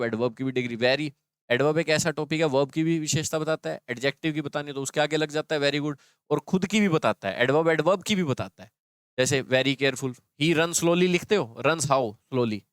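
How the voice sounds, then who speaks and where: A man's voice: mid-range voice, clean tone, dry recording, studio quality. A man teaching an English grammar lesson, explaining patiently and quizzing his students.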